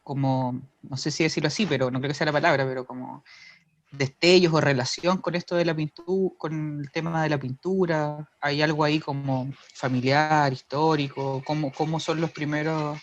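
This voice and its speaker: A man's voice: fairly high pitch, steady tone, normal speed, dull audio. A man, an interviewer asking long, winding questions that he corrects as he goes, over a video call.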